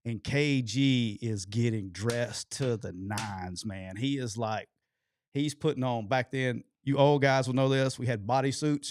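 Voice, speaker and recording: A man, telling a long, animated and profane story as a podcast co-host. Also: mid-range voice, dry recording, clean studio sound. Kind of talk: casual storytelling chat.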